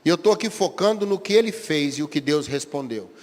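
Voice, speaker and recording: A man with a Brazilian Portuguese accent preaching a sermon as a pastor, acting out prayers and replies with big swings in loudness. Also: a little high, animated, a little fast, in a large hall.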